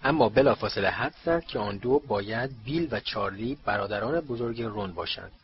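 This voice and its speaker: Male audiobook narrator, measured storytelling. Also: fairly low pitch, expressive. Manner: measured storytelling with voiced characters. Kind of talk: scripted narration of a novel. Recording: slightly dull recording, faint hiss.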